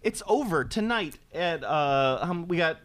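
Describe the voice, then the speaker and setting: A man's voice: on the high side, lively intonation, a little slow, a bit bright. A young man co-hosting a casual podcast chat, wry and swearing casually. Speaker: podcast co-host.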